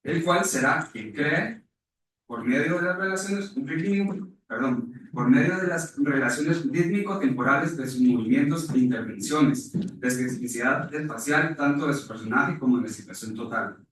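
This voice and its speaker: A man from Rica, giving a formal, measured academic conference presentation that is partly read aloud, and correcting himself at times. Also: fairly high pitch, a bit bright. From Costa Rica. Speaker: conference speaker. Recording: echoey hall, voice far from mic.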